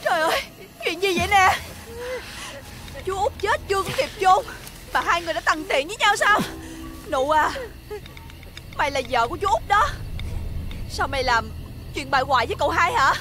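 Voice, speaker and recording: An actress playing an indignant, wronged young wife with a Southern Vietnamese accent, speaking in a sharp, accusing way. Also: female voice, very high-pitched, expressive, moderate pace, pauses often. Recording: music playing behind.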